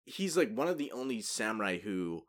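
A man's voice: on the low side, sing-song, moderate pace, fairly bright tone. A man in casual podcast chat, rambling with many fillers as he retells a story.

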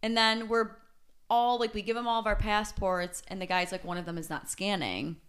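A young woman co-hosting a casual podcast chat. She tells her story with lively energy, peppering it with "like" and acting out quotes in a mid-range voice. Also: mid-range voice, moderate pace, clean tone. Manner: animated storytelling with many "like"s and acted-out quotes. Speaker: podcast co-host.

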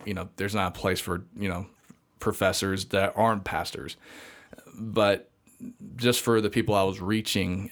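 Rambling young man, slightly low voice. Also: fairly bright tone. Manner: rambling, many restarts and fillers, laughs often. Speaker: podcast guest, seminary student. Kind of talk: casual podcast conversation.

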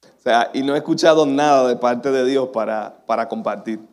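A man's voice: medium pitch, moderate pace. A young man preaching a sermon as a pastor, chatty and self-deprecating, laughing often.

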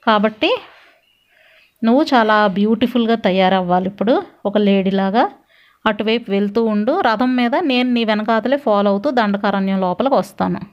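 A woman's voice: a little high, natural voice. A woman voicing an arrogant male demon king who scolds and threatens in a storytelling reading. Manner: domineering, scolding. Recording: dull lo-fi recording.

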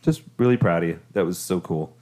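A man's voice: low voice, a little fast, dark tone. A middle-aged man and father hosting a casual family podcast from a home studio, encouraging and jokey. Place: home room turned audio studio.

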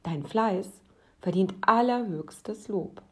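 A mischievous old monk with a gap-toothed grin, voiced by a woman reading a story. He speaks slowly and gently, heaping on praise with a sly, teasing warmth. A calm storybook telling at an unhurried pace. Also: mid-range voice, natural voice. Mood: praising.

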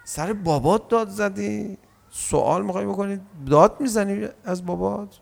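High gravelly male preacher in a hall. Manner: lively, acts out quoted speech; slow drawn-out chanting of verses. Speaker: religious lecturer. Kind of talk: sermon.

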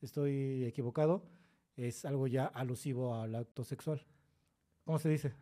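A man's voice: medium pitch, fairly even intonation, moderate pace, warm tone. A young man with a Mexican accent co-hosting a casual chat, playful and a little hesitant. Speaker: podcast co-host.

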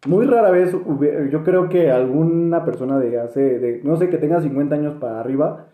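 A man's voice: fairly high pitch, moderate pace, echoey room, narrow, tinny audio. A man with a Mexican accent, musing in a casual podcast chat, hedging with many fillers. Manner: hesitant and reflective, many fillers and restarts. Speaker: podcast co-host.

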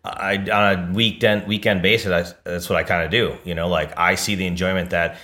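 A man in his forties with a very deep voice that still sounds forceful and bright. He rambles in a relaxed way while co-hosting a podcast with his wife, often restarting his sentences. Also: a little fast. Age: 40s. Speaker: podcast co-host, DJ. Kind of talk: casual chat.

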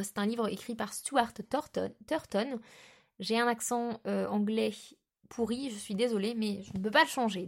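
A woman chatting casually about books she has read and plans to read, with many fillers and restarts. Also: medium pitch. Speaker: book vlogger. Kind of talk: casual book chat.

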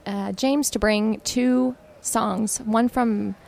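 High-pitched, creaky-voiced woman podcast host. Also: fairly even intonation, very slow, a little mellow. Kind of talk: casual chat.

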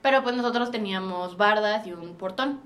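A woman with a Mexican accent hosting a casual podcast, slangy and expressive, acting out the lines of the people in her stories. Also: medium pitch, a little fast. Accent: Mexican Spanish. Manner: expressive, slangy, acts out dialogue. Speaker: podcast host.

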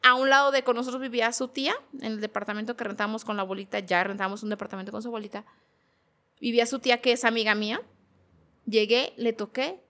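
A woman's voice: a little high, fairly bright tone. A woman in her forties with a Mexican accent, telling an interviewer about her hard past, repeating words as she goes. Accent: Mexican Spanish. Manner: emotional, repetitive storytelling. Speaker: guest. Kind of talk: personal testimony in a podcast interview.

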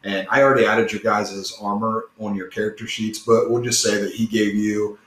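A man's voice: fairly low pitch, level tone, normal speed, a bit bright. A man narrating as game master for a tabletop game in a loose, rambling way with lots of fillers. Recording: echoey room with faint noise.

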